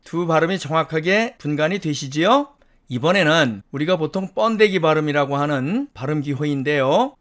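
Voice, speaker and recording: A man teaching English pronunciation in a lecture, explaining slowly and deliberately and repeating practice words several times. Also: fairly high pitch, a bit bright. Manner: slow, deliberate explanations with repeated word drills.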